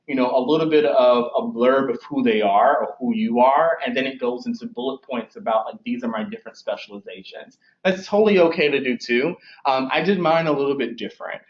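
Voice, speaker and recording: A young man with a mid-range voice talks informally as a career advisor, giving an instructional presentation in an echoey room. He wears braces, which slightly impede his speech, and he keeps things conversational, often rephrasing himself. The recording sounds dull and lo-fi.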